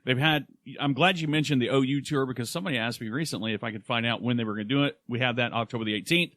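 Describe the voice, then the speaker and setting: A man's voice: medium pitch, very fast, fairly bright tone, dry recording. A man from Oklahoma hosting a podcast, talking in a casual, playful and rambling way. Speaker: podcast host. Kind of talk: casual chat.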